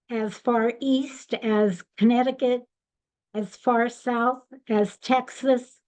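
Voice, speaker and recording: Older female presenter, unhurried and deliberate, fairly high register. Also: darkish tone, rough recording. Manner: measured and deliberate. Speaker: webinar presenter. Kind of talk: slide presentation.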